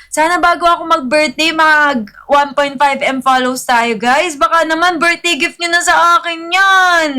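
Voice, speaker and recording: A Filipino-accented woman runs a live gaming stream with constant hype and coaxing. Her voice sits very high and sounds bright and forward, while still soft and calming. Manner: upbeat hype, coaxing viewers to follow and repost.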